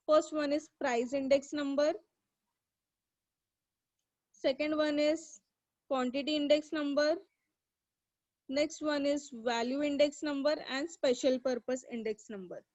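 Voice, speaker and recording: High-voiced woman teaching an online class. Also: steady tone, unhurried, long pauses, darkish tone, no room sound. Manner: asks questions and praises students by name from chat. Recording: dull, dry lo-fi mic.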